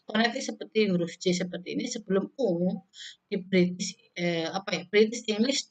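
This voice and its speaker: A woman teaching English pronunciation in a casual recorded lesson, loudly modeling each sound and repeating it with friendly filler tags. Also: mid-range voice.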